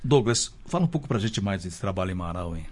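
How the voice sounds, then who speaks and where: Low-voiced southern Brazilian radio host. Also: male voice, expressive, fast talker. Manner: leading questions, tag "né?" often. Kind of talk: radio interview. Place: radio studio.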